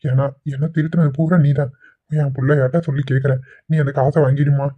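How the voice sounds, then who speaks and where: A man's voice: medium pitch, little pitch movement, a little fast, husky, no echo, lightly acted. A man voicing a kind, reformed middle-aged father-in-law in a cartoon, speaking affectionately. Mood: proud, tender. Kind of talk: amateur cartoon voice acting. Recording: dry, tinny phone-like sound.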